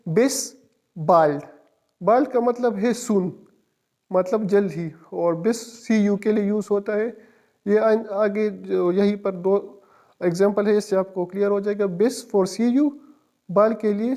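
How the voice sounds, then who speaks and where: A man's voice: high-pitched, fairly even intonation, unhurried, warm tone. A man teaching an online language lesson, patiently spelling out words letter by letter and repeating each pronunciation.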